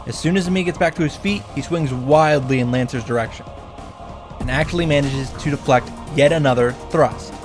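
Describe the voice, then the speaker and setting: A man gives a casual, wry scripted recap of a visual novel's story, adding dramatic emphasis. He talks fairly quickly in a mid-range voice. Music plays in the background.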